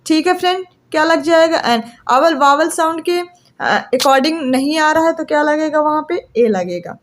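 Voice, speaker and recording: High-voiced woman teaching with a Hindi accent. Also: expressive, normal speed. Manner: repeats questions and answers them herself. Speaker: English grammar teacher. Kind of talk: classroom lecture.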